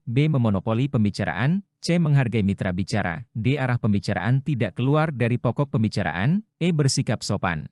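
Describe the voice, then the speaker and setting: A man reading practice quiz questions and their answers aloud in a measured, steady way. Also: mid-range voice, no room sound, studio quality.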